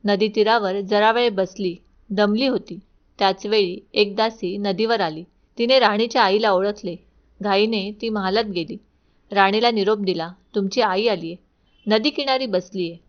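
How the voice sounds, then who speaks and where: A woman's voice: mid-range voice, highs cut off. Woman narrating a devotional tale. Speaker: storyteller.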